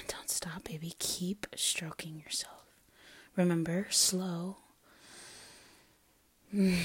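A woman speaking in a soft, close whisper for intimate audio roleplay, teasing and coaxing, with quiet hums between phrases. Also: lowish voice, breathy edge. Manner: soft unvoiced whisper throughout. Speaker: audio performer.

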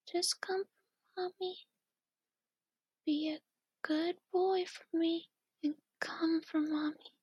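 A woman whispering softly in a slow, coaxing and doting ASMR roleplay. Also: very high voice, no room sound. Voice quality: soft breathy whisper.

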